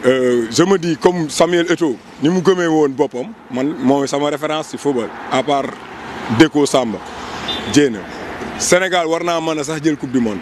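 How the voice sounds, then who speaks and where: A man's voice: on the high side, moderate pace. A young man in a street interview by a roadside, talking emphatically into a handheld microphone. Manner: emphatic, switching between French and Wolof. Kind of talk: casual street vox pop. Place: busy roadside outdoors. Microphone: handheld mic held by interviewer. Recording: faint traffic noise outdoors.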